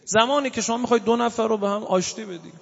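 High-pitched preacher man in echoing hall. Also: gravelly, husky. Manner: swings between loud exclamation and soft drawn-out recitation. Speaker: cleric preacher. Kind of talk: sermon. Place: mosque gathering hall. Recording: dull recording with long reverb.

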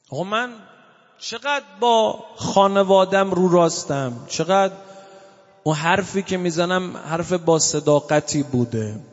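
A man preaches a sermon in a mosque hall. His voice sits high for a man, and his delivery swings from loud exclamations to slow, soft recitation. The recording sounds dull and carries a long, lingering reverb. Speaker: cleric preacher.

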